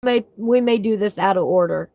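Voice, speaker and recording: A woman's voice: mid-range voice, brisk, vocal fry, dark tone. A woman chatting casually as a host, with whistling S sounds and a folksy, gushing way of exclaiming. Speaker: host of a coloring book channel. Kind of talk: casual live chat while flipping through a book.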